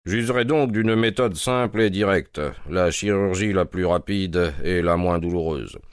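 A man voicing a brisk, self-assured detective in an audiobook, speaking in a measured way. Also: sits low, clean tone, no echo, studio quality. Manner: measured, confident explaining. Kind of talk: audiobook character reading.

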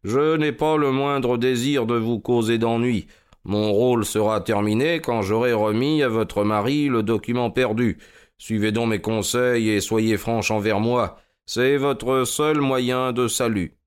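A man voicing a calm, authoritative gentleman detective who speaks in a measured, deliberate way. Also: mid-range voice, smooth, natural voice. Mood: firm. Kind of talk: audiobook character voice.

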